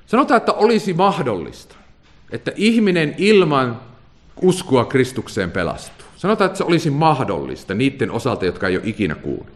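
A man delivers a sermon in a mid-range voice that rises and falls with lively emphasis. He presses his listeners with rhetorical questions, now and then breaking into a short laugh. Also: mid-range voice. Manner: animated preaching, rhetorical questions, occasional laughs. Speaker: preacher.

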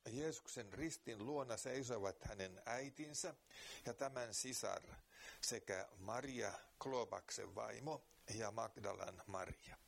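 A man preaching, reading scripture aloud slowly and earnestly, then praying, with occasional fillers. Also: fairly low pitch, vocal fry, a little hiss or hum. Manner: slow, earnest Bible reading with pauses and fillers.

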